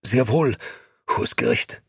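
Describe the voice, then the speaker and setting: A man voicing a cowed grey gentleman agent on trial, stammering and breathy. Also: mid-range voice, wildly swooping pitch, a little slow, dry recording, studio quality, full character voice.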